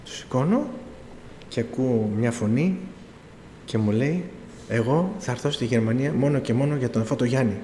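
A man's voice: medium pitch, mellow. Man, middle-aged, preacher, storytelling with pleading emphasis, long reverb, faint room noise. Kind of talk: sermon testimony.

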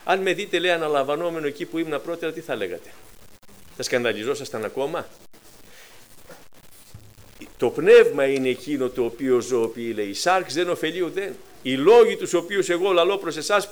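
A man preaching with fervor in a voice set a little higher than most men's. He hesitates on small filler sounds, sinks low and hushed while he retells a story, then climbs high and loud when he acts out its cries. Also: lively intonation. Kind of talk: sermon.

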